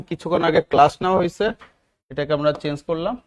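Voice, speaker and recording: A man's voice: on the high side, steady tone, quick pace. A man teaching English grammar in a live online class, often asking his students questions and repeating key words. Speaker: English teacher for job exams.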